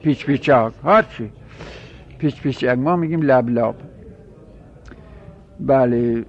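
A man teaching a grammar class, reading lines slowly, then explaining quickly and quizzing his students. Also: mid-range voice. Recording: dull lo-fi recording.

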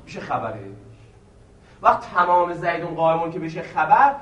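A man's voice: fairly high pitch, lively intonation, a bit bright, muffled recording. A man teaching a seminary grammar lesson in a classroom. He repeats each point patiently, poses questions to the class and answers them himself. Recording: echoey room, mic at a distance, faint noise.

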